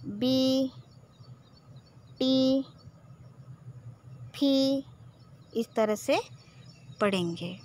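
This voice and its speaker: A woman teacher with a Gujarati accent who patiently drills syllables one by one, saying "okay" often. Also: sits high. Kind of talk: slow classroom lesson.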